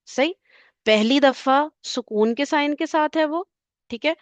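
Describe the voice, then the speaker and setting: A woman's voice: sits high, dry recording. A woman teacher patiently recapping a grammar class, often checking that students follow. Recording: dull lo-fi voice.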